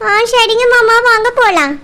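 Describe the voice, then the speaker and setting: A cheerful village elder sister in a cartoon, played by a voice actor, with a very high and sharp, bright voice. She speaks eagerly and in a friendly way, with a Kanyakumari Tamil accent. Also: animated, moderate pace, exaggerated voice. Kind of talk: cartoon voice acting.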